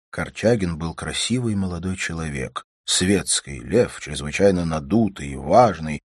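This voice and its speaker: A man narrating a classic novel as an audiobook, in an expressive storytelling manner. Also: very deep voice, slightly rough, no room sound, studio quality.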